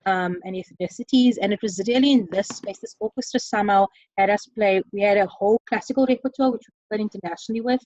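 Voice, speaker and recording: A woman facilitating an online session, speaking earnestly with many ums and pauses. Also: mid-range voice, a little mellow, no room sound, muffled recording. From South Africa. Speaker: webinar facilitator. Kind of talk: online presentation. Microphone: computer mic on a video call.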